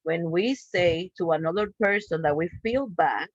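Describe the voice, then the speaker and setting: Speaking with a fairly low pitch, a woman who grew up speaking Spanish teaches English online, taking her time with patient explanations and repeated "okay?" checks. The recording has no echo but sounds muffled.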